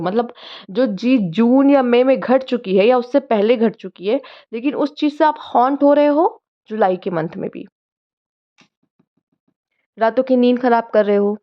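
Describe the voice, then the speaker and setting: A woman with a fairly high voice gives a casual tarot reading, talking to her viewers in a chatty, coaxing tone. The recording is somewhat dull and lo-fi. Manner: chatty, coaxing, mixes English words into Hindi. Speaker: tarot card reader.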